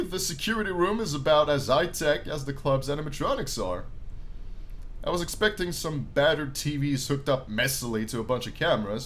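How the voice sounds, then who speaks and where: A gaming YouTuber with a higher-pitched voice plays a visual novel on his channel, reading the story aloud as animated, dramatic narration. He mixes this let's-play commentary with casual, jokey asides.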